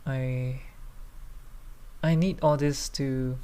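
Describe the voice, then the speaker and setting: A man's voice: medium pitch, fairly even intonation, extremely slow, dark tone, clean tone. A man podcasting solo in a tipsy, loose, rambling casual chat, hesitating, trailing off and circling back. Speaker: podcast host.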